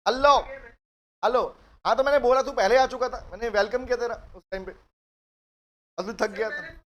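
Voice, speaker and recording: A man's voice: extremely high pitch, moderate pace, lo-fi sound. A man giving a live online law lecture, coaxing his students with questions and mixing English phrases into Hindi. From India. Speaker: law teacher.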